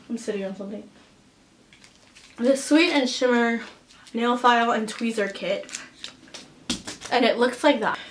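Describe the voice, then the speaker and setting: Indoors at home, an upbeat young woman vlogs a casual haul with lots of "like" and "um," speaking a little high while a cough drop sits in her mouth. Her room is echoey and slight background noise comes through.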